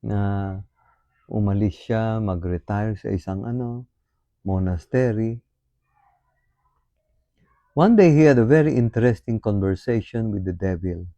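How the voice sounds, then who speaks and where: A man preaches a homily at a very slow, deliberate pace, often stopping on little tag questions. His voice is very dark and mellow and sits a little low. The recording is dry and close but dull and lo-fi. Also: no echo. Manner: unhurried, with frequent tag questions; mixes Tagalog and English. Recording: dull, lo-fi sound.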